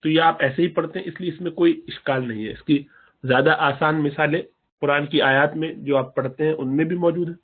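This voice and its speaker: A man teaching a Quran recitation lesson, explaining the rules and slowly reciting and stretching out example words. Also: on the high side, steady tone, husky. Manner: drawn-out demonstrative recitation of examples. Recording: tinny phone-like audio.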